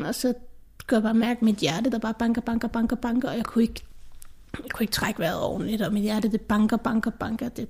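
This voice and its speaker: A teenage girl speaks in a fairly high voice, earnest and hesitant. Her sentences break off and restart. Now and then she sinks into a soft whisper. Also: husky. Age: teens. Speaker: interviewee recounting an anxiety attack. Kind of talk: personal testimony in a radio documentary.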